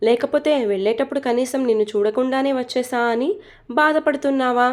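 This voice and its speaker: A woman voicing a gentle young mother in a storybook reading, soft and sorrowful. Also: high voice, fairly even intonation, fairly quick, lightly acted. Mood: tender sad.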